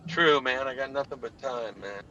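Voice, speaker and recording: A man on the road talks over a video conference call from his car, relaxed and drawling, frequently addressing the listener as "man." His mid-range voice is pushed and bright at a normal speed. The audio sounds dull, with a little hiss or hum.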